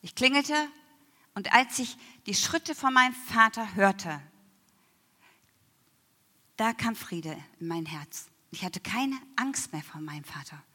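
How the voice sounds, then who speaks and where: Emotional woman, bright voice, hall reverb. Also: mid-range voice, expressive. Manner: emotional, slows down and drops to near whispers. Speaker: church member giving testimony. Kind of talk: personal faith testimony.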